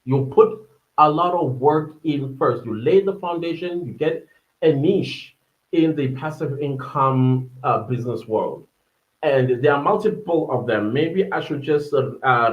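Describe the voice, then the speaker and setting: A man in his thirties from Durban with a South African accent hosts his solo podcast, talking casually in a slightly high voice. He rambles and searches for words, using many fillers, and the audio is reverberant with the highs cut off.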